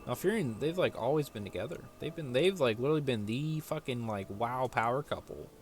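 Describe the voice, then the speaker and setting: A gaming streamer works through a story quest, his medium-pitched voice animated and brisk as he rambles casually, swears, and sometimes reads game text aloud. Loud game music plays behind him, and there's a slight hiss or hum.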